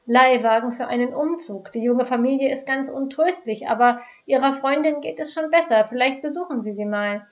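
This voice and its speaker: A woman voicing a big, calm male police inspector who explains things reassuringly. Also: high-pitched, moderate pace, few pauses, lo-fi sound, voice pushed up, close to an everyday voice.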